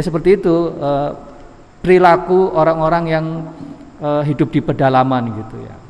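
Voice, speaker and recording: Religious teacher, male, fairly high voice; chants text glosses then explains casually; long reverberant hall. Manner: chants word-by-word Javanese glosses, then explains in relaxed conversational asides. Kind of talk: classical text study lesson.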